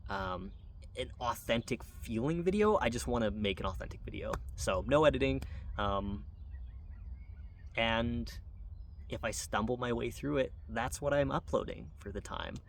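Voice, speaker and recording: A man's voice: mid-range voice, expressive, normal speed, creaky. An American man from Wyoming talks as a channel host in an unscripted, introspective monologue, hesitant and rambling. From Wyoming, United States. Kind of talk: unscripted reflective monologue to camera. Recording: distant mic, noisy background.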